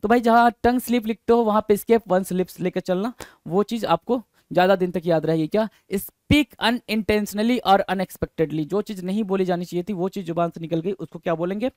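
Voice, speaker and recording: A man's voice: sits high, normal speed, darkish tone, no room sound. Man teaching English idioms, dry recording. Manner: repeats each term and quizzes listeners with "bhai". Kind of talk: Hindi-English vocabulary lesson.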